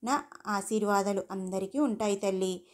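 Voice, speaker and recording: A woman voicing an elderly grandfather who speaks in a calm, reassuring way. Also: medium pitch, normal speed, close to an everyday voice. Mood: kindly. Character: elderly grandfather, kindly and blessing.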